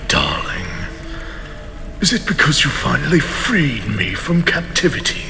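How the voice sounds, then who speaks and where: A man's voice: lowish voice, creaky, full character voice. A man playing a haughty, betrayed immortal king in a fantasy audio drama, pompous and sardonic in formal archaic speech. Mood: mocking, dismissive. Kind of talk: dramatic audio roleplay monologue. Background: music.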